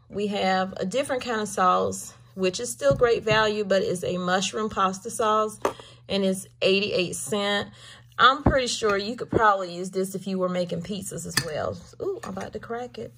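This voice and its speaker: Filming a grocery haul on a handheld camera at home, a vlogger who has a daughter chats casually with her viewers, addressing them as y'all. Her voice is mid-range and a bit bright, and there's a little hiss or hum.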